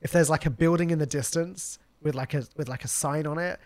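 A man's voice: fairly high pitch, fairly even intonation, brisk, no room sound. A man hosting a live podcast, chatting casually, laughing often and talking with lots of fillers and restarts. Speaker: podcast host.

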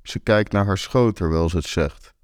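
A young man telling a first-person story in a wry, deadpan way. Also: low voice, moderate pace, dry recording, clean studio sound. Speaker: author and narrator.

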